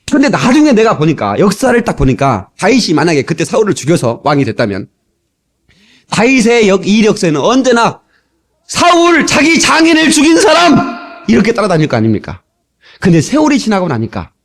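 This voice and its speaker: A middle-aged man preaching a storytelling sermon, acting out the people he quotes, from an old cassette tape. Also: a little high. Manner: animated, acts out quoted people. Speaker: pastor.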